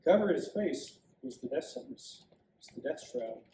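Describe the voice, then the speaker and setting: A male pastor preaching a sermon as a dramatic story told in the first person, with lively asides as he voices the characters. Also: sits high, moderate pace, gravelly, slight background noise. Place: church sanctuary. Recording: echoey church heard from a distance.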